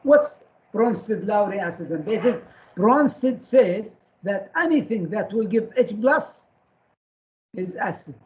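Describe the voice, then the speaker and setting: A male chemistry lecturer talks at an unhurried, deliberate pace, stopping often to quiz the room with quick questions. He repeats names and terms over and over, and the recording sounds muffled and lo-fi. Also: high-pitched, lively intonation, a little mellow. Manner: quizzes students with short questions and repeats key terms. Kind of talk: classroom lecture.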